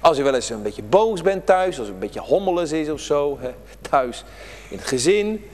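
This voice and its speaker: A man preaching a sermon to his congregation, dramatic, rising to emphatic lines and dropping to hushed near-whispers. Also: a little high, lively intonation, normal speed, slight background noise. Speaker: pastor. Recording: long church reverb.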